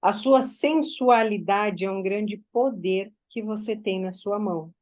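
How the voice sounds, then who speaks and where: A woman's voice: medium pitch, unhurried, a little mellow, rough recording. A woman mentoring a group, giving direct, instructive advice in a teaching talk.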